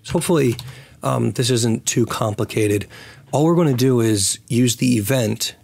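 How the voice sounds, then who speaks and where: A man of medium pitch hosts a casual screen-recorded programming tutorial. His voice is raspy and full of creak, hoarse as if getting over a lost voice. He thinks aloud as he works. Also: normal speed, a little mellow. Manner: thinks aloud while working. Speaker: tutorial host.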